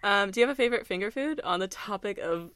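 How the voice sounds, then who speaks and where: A woman co-host keeps a casual chat moving with upbeat questions and quick replies. Her voice sits at a middling pitch. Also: animated, a bit bright, smooth, dry recording. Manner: upbeat, guides the talk with questions.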